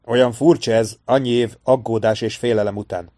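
A man's voice: medium pitch, fairly even intonation, warm tone, dry recording, clean studio sound, natural voice. A man voicing a weary young nobleman in an audiobook reading.

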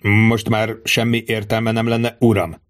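A man voicing a young Roman centurion who answers his superior calmly and with dry understatement. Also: on the low side, natural voice. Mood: dry composed. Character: young male Roman centurion, cool and wry.

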